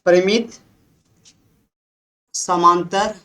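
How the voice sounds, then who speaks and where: Woman maths teacher, Bihari Hindi accent, low voice, steady patient classroom talk. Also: very slow. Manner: patient, repeats "ठीक है" and checks with the class.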